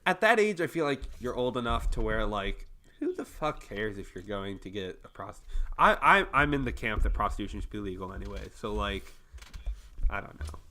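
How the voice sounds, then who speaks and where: A young man with a mid pitch and a bright, forward tone talks on a casual podcast. He hedges his points and drops wry, offhand jokes. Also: sing-song, moderate pace. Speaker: podcast co-host.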